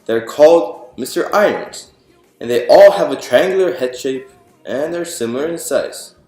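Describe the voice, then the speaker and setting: A man whose voice sits on the high side reads a picture book at a moderate pace, animated and a little mellow. He explains things to the audience, asking questions and answering them himself. There's music behind a roomy echo.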